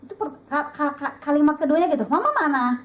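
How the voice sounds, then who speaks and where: A middle-aged woman giving a casual religious talk to a women's study group, lively and chatty, acting out bits of dialogue. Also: fast talker, rough recording. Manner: lively, chatty, acts out dialogue with sudden high pitch.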